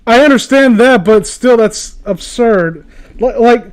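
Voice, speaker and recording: Hosting a comedic read-aloud, a man with a strikingly high voice narrates a story and then interrupts with sarcastic, disbelieving riffs and casual cursing. He speaks a bit slowly.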